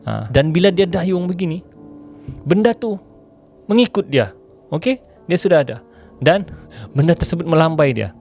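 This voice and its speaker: A man telling a ghost story in a chatty way, pausing to explain local slang to his viewers. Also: fairly high pitch, very animated, vocal fry, a little mellow, soft background music.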